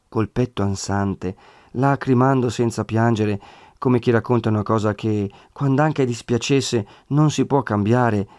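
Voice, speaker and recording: A man with an Italian accent narrating a classic novel as an audiobook. His reading is steady and measured, at a middle pitch for a man. The recording is dry and close. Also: no echo. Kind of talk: scripted narration.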